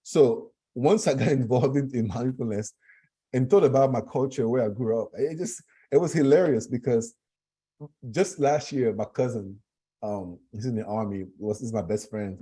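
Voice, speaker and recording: A man's voice: medium pitch, moderate pace, warm tone, slightly rough. A man from Cameroon speaking as a guest, earnest and emphatic, often repeating his phrases. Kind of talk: conversational talk.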